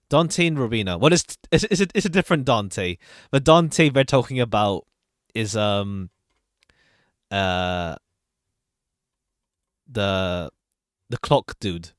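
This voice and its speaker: A man's voice: lowish voice, animated, takes it slowly, long pauses, no echo, studio quality. A man giving casual livestream commentary as a streamer, chatty and hesitant as he thinks aloud. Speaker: streamer reacting to game trailers.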